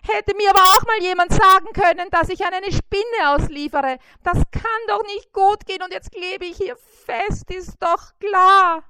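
A prim, flustered male beetle delivery driver with a squeaky voice that chatters fast, voiced by a woman reading a storybook. His voice leaps about with lively pitch. The sound is smooth and dry. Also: no room sound, heavily acted. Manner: high-pitched, fast and fussy.

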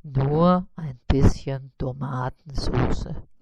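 A woman reading a storybook aloud and voicing a large, hungry male spider in a low, grumbling voice. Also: extremely slow, vocal fry, noisy background, full character voice. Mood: calm.

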